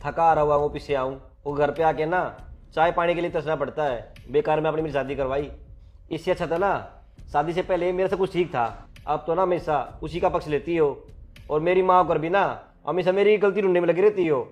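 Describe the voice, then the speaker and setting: A man's voice: fairly high pitch, brisk, lightly acted. A young man playing a husband who complains resentfully to his mother about his wife. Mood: irritated. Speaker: son and husband. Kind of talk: family drama short.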